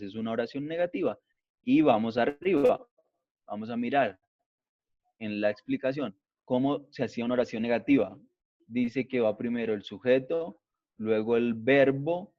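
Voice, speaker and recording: A man's voice: mid-range voice, dry recording. A man teaching an English class, explaining step by step in a patient way and often checking that students follow. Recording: dull lo-fi recording.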